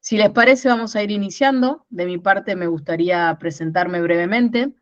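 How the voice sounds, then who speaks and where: Speaking with a Rosario accent, this thirty-something Argentine workshop instructor explains things online, repeating words and frequently asking "¿no?". Her medium-pitched voice moves at a moderate pace, with no echo and dull audio.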